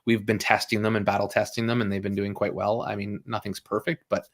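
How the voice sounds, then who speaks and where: A man's voice: fairly low pitch, little pitch movement, brisk. A man hosting a casual livestream chat, rambling with many fillers and apologies, and laughing often. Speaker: livestream host.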